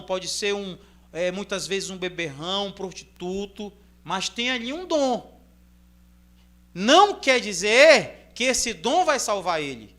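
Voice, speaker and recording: A man with a Brazilian accent, reading scripture aloud in measured phrases and then explaining it in a loose, conversational sermon style. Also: high-pitched, pushed and bright. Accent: Brazilian Portuguese. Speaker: preacher. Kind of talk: Bible reading and informal sermon commentary.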